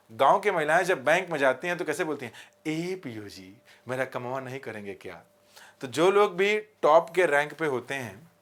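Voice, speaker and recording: A man teaching vocabulary with memory tricks, asking rhetorical questions and repeating key words slowly. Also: medium pitch, fairly bright tone. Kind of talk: vocabulary lesson with mnemonics.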